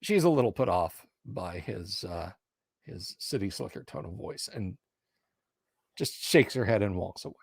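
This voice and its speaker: A man's voice: fairly low pitch, expressive, measured pace, vocal fry, slightly rough, no room sound. A man narrating a tabletop horror game live as game master, reading aloud and commenting.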